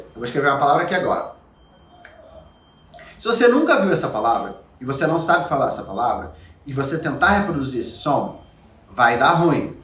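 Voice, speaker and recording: Brazilian man teaching English online, lively swinging pitch, a bit high, echoey room, mic set back. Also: distant mic. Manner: animated, rhetorical questions, plays the viewer's objections. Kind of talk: YouTube lesson to camera.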